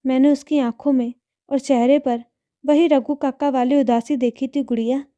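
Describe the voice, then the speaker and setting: A wise, gentle older mother speaks softly in a storybook tale, as a woman reader puts her on. Her voice sits high and sounds very warm and mellow. The sound is close and dry. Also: steady tone, normal speed, no room sound, natural voice. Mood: tender. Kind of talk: storybook narration.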